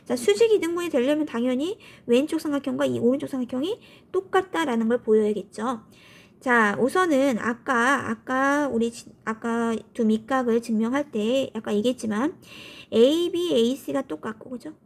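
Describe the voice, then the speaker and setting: Female math teacher, high voice, casual quiz-and-answer lecturing. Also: moderate pace. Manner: asks questions and answers them herself; colloquial, upbeat, often starts with "so".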